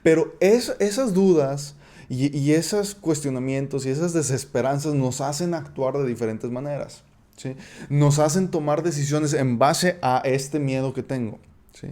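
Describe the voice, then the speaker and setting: A man's voice: on the high side, warm tone. A man with a Mexican accent giving a casual Bible study talk. He speaks conversationally, often checks in with the listener and restarts his sentences. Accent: Mexican Spanish. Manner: conversational, checks in with frequent tag questions; halting, with repeated restarts. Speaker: Bible teacher.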